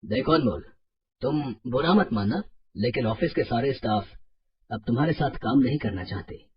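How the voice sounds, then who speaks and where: A woman voicing a stern male office boss who speaks in a firm, measured way in an animated storybook. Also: very deep voice, distant mic, lo-fi sound.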